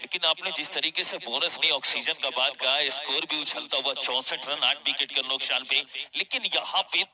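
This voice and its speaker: An excited male cricket commentator. His voice sits fairly high and is extremely bright and forceful. He delivers live match commentary with stretched, drawn-out calls. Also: low-quality recording.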